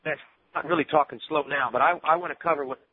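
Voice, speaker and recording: A man's voice: fairly high pitch, fast, slight background noise. A man hosting an online class whose audio breaks up on a choppy web call, so he halts and trails off mid-sentence. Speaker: webinar host. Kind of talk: live online class critique. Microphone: remote web call line. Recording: tinny, dry, breaking-up call line.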